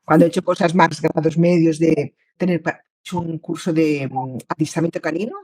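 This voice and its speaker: Husky-voiced mother telling a story. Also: low-pitched, fairly even intonation, a little fast, a little mellow. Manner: storytelling, conversational. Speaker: parent in the audience. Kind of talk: casual chat.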